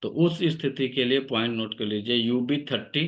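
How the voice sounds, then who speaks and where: A man teaching an acupressure class, listing points and symptoms in a slow, steady instructive tone. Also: mid-range voice. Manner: dictates point names slowly, steady instructive tone. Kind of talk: online class lecture.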